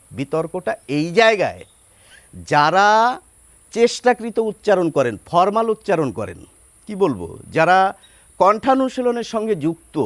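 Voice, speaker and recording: A man giving a spoken lesson on pronunciation, spelling words out slowly step by step and asking rhetorical questions. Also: sits high, no echo. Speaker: Bengali pronunciation teacher.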